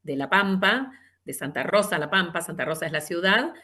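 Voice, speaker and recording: A woman in her fifties with an Argentine accent, giving a measured, unhurried account as an interview guest, with frequent fillers and restarts. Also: lowish voice, animated, sharp tone, husky. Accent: Argentine Spanish. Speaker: interview guest, lawyer and party leader. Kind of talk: long reflective answer in an interview.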